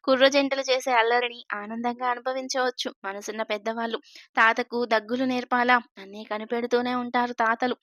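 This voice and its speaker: A woman's voice: on the high side, level tone, a little fast, fairly bright tone, no echo, clean studio sound. Woman narrating a family love story.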